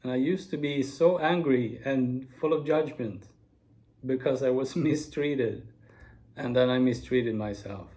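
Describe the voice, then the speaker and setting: Slow, earnest man in his forties. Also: medium pitch. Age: 40s. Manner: slow, earnest, with soft laughs. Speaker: video speaker. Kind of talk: reflective spoken monologue.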